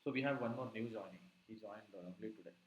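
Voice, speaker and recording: A man's voice: lowish voice, fast, lo-fi sound. A man with an Indian accent chatting casually as an instructor, often repeating words and tagging points with okay. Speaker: web development instructor. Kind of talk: casual teaching and class chat. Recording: echoey room with background noise.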